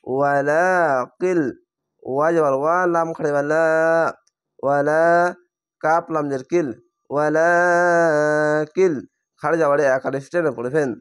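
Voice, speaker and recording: A man teaching Quran reading, patiently spelling out each word letter by letter and slowly stretching the recited syllables. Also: a little high, steady tone. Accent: Bangladeshi Bengali. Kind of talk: step-by-step spelling lesson.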